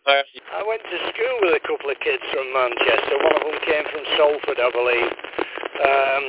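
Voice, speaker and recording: A man's voice: medium pitch, normal speed. A man in his sixties from Wigan, an amateur radio operator chatting in a friendly, easy way. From Wigan, England. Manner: friendly, chatty, hands back with "back to you". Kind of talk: casual radio chat. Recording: tinny radio link with static.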